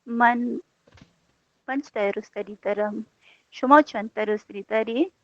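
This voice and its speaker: A woman student, answering hesitantly and softly with pauses in a practice dialogue. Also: fairly high pitch, no echo, dull audio, faint music behind.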